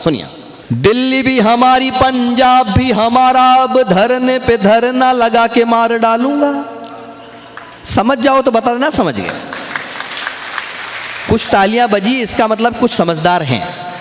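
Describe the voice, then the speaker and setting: A man performing comic poetry on stage, chatting to the crowd and then drawing out his verses slowly and with force. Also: sits high. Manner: chatty asides to the crowd between slow, drawn-out, declaimed verses. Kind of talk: humorous poetry recitation to a live audience. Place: live poetry-gathering stage in a large hall. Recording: echoey hall with long reverb, faint ambience.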